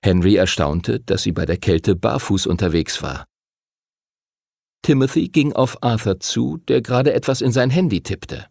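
A man narrating an audiobook in an expressive storytelling manner. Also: on the low side, moderate pace, vocal fry, no room sound, studio quality.

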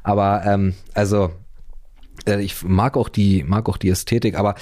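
Laid-back man, low flat voice. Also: normal speed, dry recording. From Berlin, Germany. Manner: relaxed slangy rambling, many fillers. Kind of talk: casual chat.

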